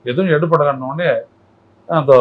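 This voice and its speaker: A man's voice: on the high side, steady tone, measured pace, phone-quality sound. A man talking as a political commentator in a heated interview, combative and mocking, firing off rhetorical questions. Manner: mocking, scolding tone.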